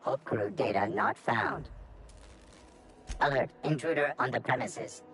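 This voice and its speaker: A calm machine voice at a middle pitch, a man performing a facility security computer. It gives its error and intruder alerts in a flat, even way. The sound is roomy and echoing, with music running clearly underneath. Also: a little slow, lightly acted. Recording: echoey game audio over music.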